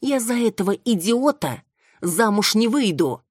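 A woman voicing a defiant, sharp-tongued young village woman who scorns an arranged match. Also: mid-range voice, animated, unhurried, slightly rough, no room sound, clean studio sound, voice pushed up. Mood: defiant scornful. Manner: scornful, cutting.

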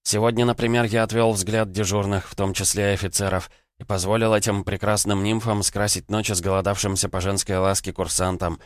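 A man's voice: on the low side, no room sound, studio quality, close to an everyday voice. A man voicing a sly, wheedling little male crossroads demon, speaking in an ingratiating, self-pitying way in an audiobook.

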